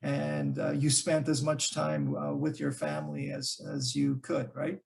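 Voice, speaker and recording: Speaking over a video call in a relaxed interview, this gravelly-voiced Canadian man sounds a little high and a little mellow, with flat, slightly slow delivery. Calabrese Italian dialect is his first language. He rambles through his thoughts, often restarting and using fillers.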